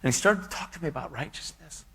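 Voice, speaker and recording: A man's voice: on the high side, expressive, quick pace, creaky, bright, forceful tone, husky. A man giving an earnest, casual testimony in a preaching style, full of slang.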